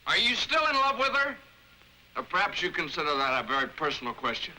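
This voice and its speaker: An actor playing a shy young man in classic films, talking in a halting, hesitant way. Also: on the high side, big pitch swings, bright, forceful tone, full character voice, low-quality recording. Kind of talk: classic film acting.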